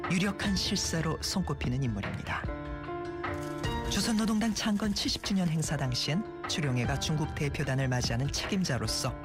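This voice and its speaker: A man reads scripted documentary narration in a measured, formal way. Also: medium pitch. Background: loud background music.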